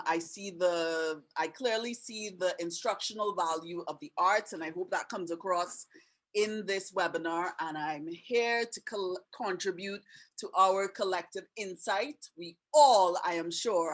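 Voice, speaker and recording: A woman from Trinidad and Canada with a Trinidadian accent tinged with Canadian, hosting an online webinar in a chatty, friendly way with many asides, on a computer mic. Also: on the low side. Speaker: webinar host and teacher. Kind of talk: casual online webinar presentation.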